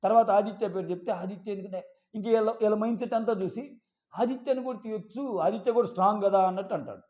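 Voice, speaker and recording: A man recapping a reality show episode in a casual, animated way, acting out quoted lines. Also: high-pitched, quick pace. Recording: dull lo-fi sound.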